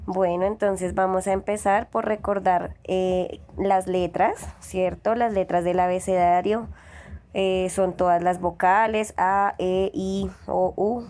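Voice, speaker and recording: A woman's voice: medium pitch, dark tone. A woman teacher, giving a recorded lesson to children and stretching out syllables to demonstrate them.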